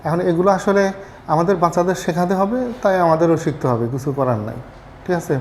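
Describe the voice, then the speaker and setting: A man's voice: a little high, lively intonation, quick pace, darkish tone, slight background noise. A man teaching a lesson on pronunciation, explaining step by step and often checking that listeners follow. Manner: patient, explanatory, repeats "ঠিক আছে?" to check understanding; fillers and self-corrections. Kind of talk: spoken lesson on Bangla pronunciation.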